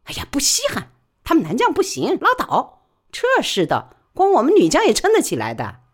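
A woman's voice: high voice, huge pitch swings, voice pushed up. Woman doing a spirited, stubborn working woman. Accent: Wuhan dialect. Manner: quick, bright, stubborn.

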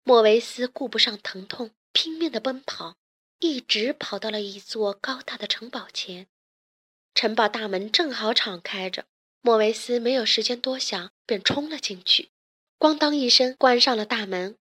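A woman reading a children's storybook aloud as narrator, calm and expressive. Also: on the high side.

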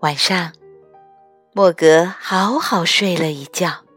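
A woman reading a children's picture book aloud, slow and expressive, acting out each character. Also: fairly low pitch, slightly rough, faint music behind. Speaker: mother reading picture books to her child.

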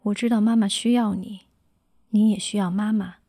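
A woman reading aloud, giving a soft, steady voice to an imprisoned mother comforting her children. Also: mid-range voice, normal speed, no echo, studio quality, lightly acted. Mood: tender.

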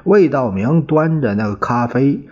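A man reading a novel aloud as storyteller, steady and unhurried, on a dull lo-fi recording. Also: medium pitch. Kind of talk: novel reading with voiced characters.

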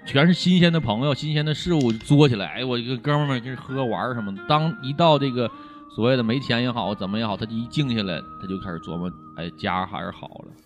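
A man's voice: medium pitch, expressive, fast. A man hosts a radio show in casual, bantering chat. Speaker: radio host. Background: instrumental music with guitar.

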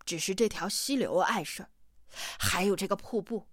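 A woman reading an audiobook, voicing a loud, hard-drinking male expedition leader with a blunt, boisterous manner. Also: medium pitch, moderate pace, no room sound, studio quality, lightly acted. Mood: boastful.

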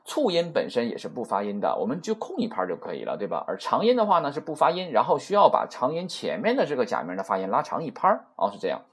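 Husky, lively male language teacher. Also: medium pitch, fast talker, few pauses. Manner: chatty, repeats points, asks rhetorical checks. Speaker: Japanese teacher. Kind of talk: casual recorded lesson.

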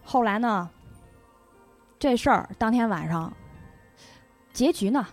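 A woman, telling a personal story as a guest on a talk show in a chatty, animated way. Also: a little high, slow pace, faint music behind. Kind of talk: casual storytelling chat.

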